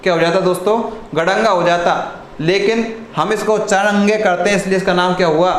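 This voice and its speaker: A man teaching a live online lesson, asking the class questions and answering them himself, often clearing his throat. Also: sits high, steady tone, fairly quick. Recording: echoey room with faint noise.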